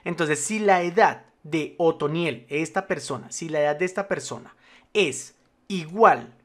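A man's voice: a little high, a little slow. A man teaching a spreadsheet tutorial, explaining step by step, reassuring the viewer and checking in often. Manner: formal address to the viewer, patient step-by-step explaining. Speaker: spreadsheet instructor. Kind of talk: screen-recorded software tutorial.

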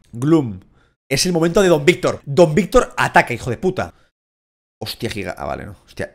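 A young man from Spain with a Spain Spanish accent, giving casual, excitable, crude Let's Play commentary and shouting at the game. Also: mid-range voice, creaky. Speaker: gaming YouTuber.

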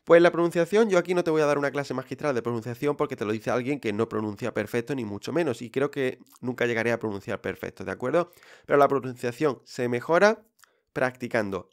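Talking straight to his audience, a Spanish-accented podcast host (from Spain) delivers a relaxed monologue. He sounds direct and reassuring at a middle pitch, leaning often on fillers.

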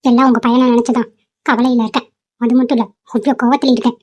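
A sharp, scolding cartoon mother, voiced by a woman, high-pitched and fast. She nags her son and snaps at her husband with little patience. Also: little pitch movement, close to an everyday voice. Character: irritated middle-aged town mother nagging her son.

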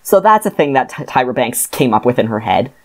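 A woman's voice: extremely low pitch, sing-song, brisk, darkish tone. A woman co-hosting a podcast, recapping a book in a casual, sardonic way with many fillers. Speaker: podcast co-host.

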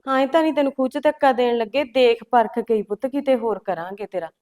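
A middle-aged woman playing a calm village mother who coaxes and soothes her grown children, with faint music behind. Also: fairly high pitch, a little fast, lightly acted. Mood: soothing. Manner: calm, coaxing, keeps calling her children "son".

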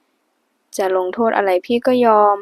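A woman's voice: slow, no echo, natural voice. A woman voicing a young man who is eager to please and pleads politely in an audiobook. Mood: pleading. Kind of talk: audiobook character voice.

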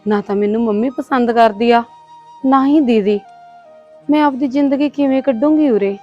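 A woman, playing a young newly married bride who talks softly and anxiously. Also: on the high side, normal speed, highs cut off, faint music behind, lightly acted. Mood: worried. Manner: soft, pleading and worried. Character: young new bride, anxious and put-upon. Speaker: actor. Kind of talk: village short-film acting.

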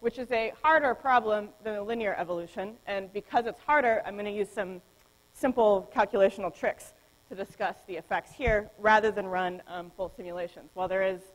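A woman's voice: medium pitch, brisk. Woman lecturing in a reverberant hall. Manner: explanatory, frequent ums and self-corrections. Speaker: physics lecturer. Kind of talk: academic conference lecture.

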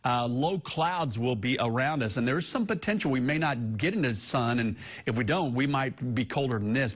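A man's voice: medium pitch, slightly rough. A middle-aged man giving a TV weather forecast in a studio, talking in a conversational way with frequent fillers. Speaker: TV meteorologist. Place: TV news studio.

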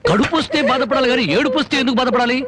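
A man's voice: extremely high pitch, steady tone, very fast. An actor playing a vengeful, volatile man who threatens and bullies in a Telugu film scene. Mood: threatening. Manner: menacing, theatrical, bullying. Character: fierce middle-aged man, vengeful and volatile. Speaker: avenging villager hero. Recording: film soundtrack with score underneath.

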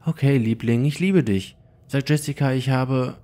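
A man's voice: medium pitch, moderate pace, warm tone, voice pushed up, natural voice. A man voicing a doting middle-aged mother in audiobook dialogue, sweet, chatty and eager. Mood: fond.

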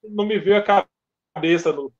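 A man, a podcast guest and event organizer, telling stories in lively fashion and acting out dialogue. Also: sits high, moderate pace. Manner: animated storyteller acting out dialogue. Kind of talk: casual podcast storytelling. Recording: dull lo-fi podcast audio.

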